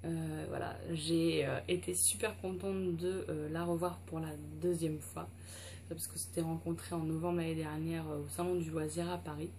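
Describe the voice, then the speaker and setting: A woman's voice: low voice, flat delivery, normal speed, dark tone, a little hiss or hum. A woman vlogger talking casually through an unboxing, hesitant and full of fillers.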